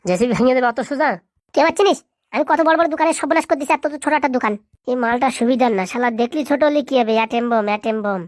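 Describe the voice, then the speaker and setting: A woman's voice: high voice, rapid-fire, dry recording, studio quality, close to an everyday voice. A woman voicing a cocky, bratty little boy in a cartoon. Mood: taunting. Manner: bratty, threatening, whiny.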